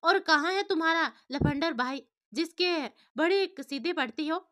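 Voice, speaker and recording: A woman voices a hot-tempered husband in a family drama. He shouts in anger, his tone bright and raised. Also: extremely high pitch, normal speed, pitched above the performer's own voice. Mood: furious. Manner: shouting, furious. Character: angry husband, adult man, hot-tempered.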